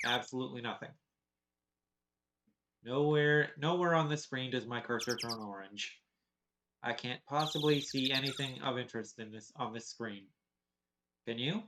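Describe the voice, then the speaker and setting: A woman streamer giving casual, wry commentary while playing a video game, quiet and slightly sarcastic. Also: very deep voice, moderate pace, long pauses, background noise. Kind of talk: casual let's-play commentary.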